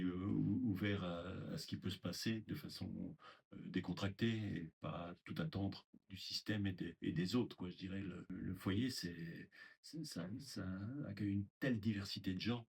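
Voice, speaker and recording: A man's voice: sits low, steady tone, measured pace, creaky, a little mellow, slightly rough. An older man giving a reflective interview testimony about his past, speaking hesitantly with many fillers and restarts. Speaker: former resident interviewee.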